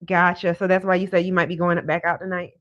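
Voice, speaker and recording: A woman's voice: fairly low pitch, little pitch movement, fast talker, fairly bright tone, no echo. Woman, live-stream psychic host, chatty and casual, stretches words for emphasis. Dull, close, dry phone sound. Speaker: psychic tarot reader hosting a live call-in. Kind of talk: casual live-stream chat and card reading. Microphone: phone propped on a desk.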